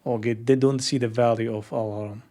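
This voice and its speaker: A man hosts an interview in a language that isn't his first, asking questions in a warm, medium-pitched voice at normal speed with fairly even intonation. He often restarts, searches for words, and uses non-native grammar.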